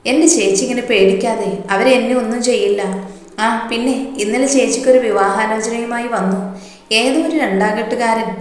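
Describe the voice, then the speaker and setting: A woman's voice: a little high, steady tone, normal speed, lightly acted. Determined young girl as a woman reads her, reassuring and firm, roomy echo. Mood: urging. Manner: warm, urging and reassuring. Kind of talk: storytelling voice acting. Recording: very echoey room, long reverb.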